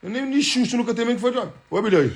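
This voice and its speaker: Talking very fast in a very high-pitched voice with lively intonation, a man livestreams casually from home. He boasts as he switches between Portuguese and French, with faint music in the background.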